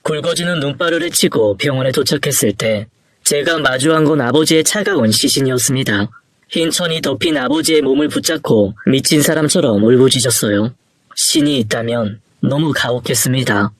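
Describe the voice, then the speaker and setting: A man's voice: mid-range voice, expressive, moderate pace, no echo, studio quality. A young man narrating his own life story in an emotional, confessional way. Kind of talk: first-person story narration.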